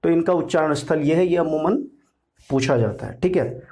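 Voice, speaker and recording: A man teaching an exam-prep grammar lesson, speaking slowly and deliberately, repeating syllables aloud to demonstrate their sounds and often checking in with the listener. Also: on the high side, mellow. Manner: keeps checking with "theek hai na".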